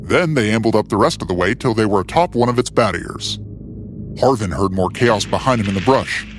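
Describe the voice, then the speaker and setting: This storyteller for a fiction series reads his scripted adventure tale in a theatrical, suspense-building style. His fairly low voice is animated and brisk, over a bed of background music.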